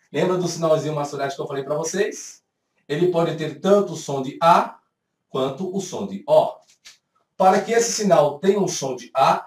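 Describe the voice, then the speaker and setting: A man's voice: on the high side, darkish tone. A man with a Brazilian Portuguese accent teaching a grammar lesson step by step, voicing his students' questions himself. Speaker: Hebrew teacher. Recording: echoey room, voice from a distant mic.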